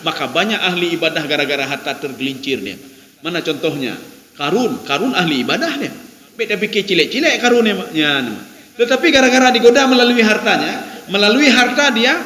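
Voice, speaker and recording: A man with an Acehnese accent preaches in a relaxed, conversational way and keeps turning to his listeners. His voice sits high for a man. The sound rings through a large mosque hall with a long reverb tail. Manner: peppers lines with direct address to listeners, repeats phrases. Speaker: Islamic preacher. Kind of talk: conversational sermon.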